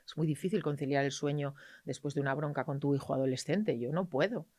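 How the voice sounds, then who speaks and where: Lady pediatrician, middle-aged, kinda low voice, super dry close mic, acts out parents as she talks. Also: fast, dry recording. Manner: animated, acts out parents and children in quoted voices. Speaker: pediatrician guest. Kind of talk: interview conversation.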